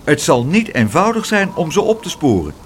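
Man voicing a grumpy weather man, peevish, scolding, somewhat raised pitch, storybook voice. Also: big pitch swings, normal speed, slight background noise. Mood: cross. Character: fussy grumpy grown man who runs weather experiments.

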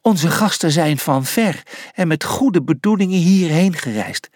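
Young emperor, calm, commanding, measured speech, voiced by a man. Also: on the high side, no echo, clean studio sound. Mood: stern.

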